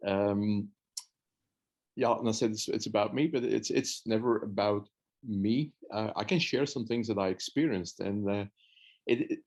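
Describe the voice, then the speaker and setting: A man from Belgium speaks as the guest consultant in an online webinar, his voice sitting low. He talks earnestly over a video call, often stopping to restart a sentence before pressing on. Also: darkish tone. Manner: earnest, with frequent restarts and fillers. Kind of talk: webinar presentation.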